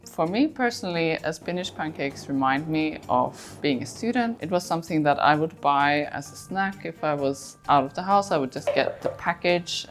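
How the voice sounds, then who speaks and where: A woman from Finland calmly explaining a home dish as a guest, in a measured, friendly way. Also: fairly low pitch.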